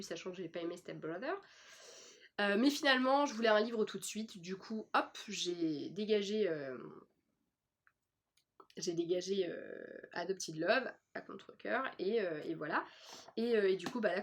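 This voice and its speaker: A woman's voice: medium pitch, fairly bright tone. Young French woman, casual book vlogger, chatty, lots of hesitations. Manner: chatty, lots of fillers and restarts. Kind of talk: casual chat.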